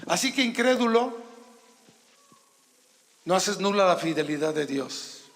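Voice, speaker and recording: A Mexican pastor with a high, gravelly, slightly bright voice preaches a sermon with emphatic force in a church sanctuary. Animated yet a little slow, he speaks into a handheld microphone and calls questions out to the congregation, his words echoing through the reverberant hall.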